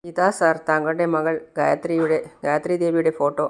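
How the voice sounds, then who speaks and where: Woman doing a calm young woman, polite, reassuring, fairly low voice, storybook retelling. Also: moderate pace, clear, resonant tone. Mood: consoling. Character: composed young woman breaking news to a father.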